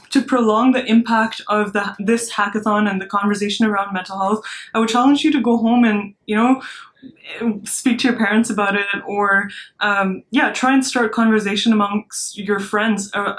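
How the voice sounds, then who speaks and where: A young woman from Malaysia, a startup founder giving an earnest recorded talk to students, with many ums and restarts. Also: mid-range voice. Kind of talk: recorded motivational speech.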